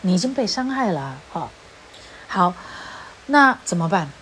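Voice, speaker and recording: A woman with a Taiwanese accent gives an informal lecture on relationships, slipping Hokkien phrases into her Mandarin and acting out quoted speech. Her voice is lowish, very animated, unhurried, and fairly bright, with slight background noise.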